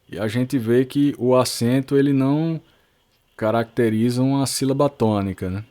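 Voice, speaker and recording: A man with a Brazilian Portuguese accent teaching a recorded language lesson, patiently explaining and repeating example words slowly and carefully, often checking in with tag questions. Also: mid-range voice, warm tone. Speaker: French teacher.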